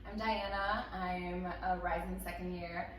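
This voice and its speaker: A woman in her twenties from Peru, a guest in a casual chat, speaking reflectively with many pauses and fillers. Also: on the low side, steady tone, fairly bright tone, slight background noise. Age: 20s. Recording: echoey room, mic far off.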